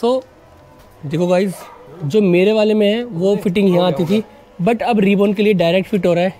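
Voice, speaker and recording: This is a warm, high-pitched male voice at a moderate pace, belonging to a motorcycle vlogger and presenter in his 20s. His talk is informal, mixing in English and addressing viewers as buddies. He's standing on a narrow residential street outdoors, wearing a wired lavalier mic.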